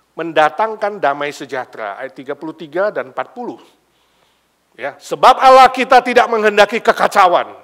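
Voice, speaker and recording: A male pastor preaching a sermon and telling a story, moving between hushed asides and loud emphatic bursts, with casual slang mixed in. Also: mid-range voice. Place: church sanctuary.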